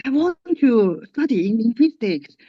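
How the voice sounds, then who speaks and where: With a fairly high, sing-song voice and a breathy edge, a guest linguist from Hong Kong talks in a casual interview in Hong Kong-accented English. She halts often, using lots of fillers and restarts. The recording is muffled with no room sound.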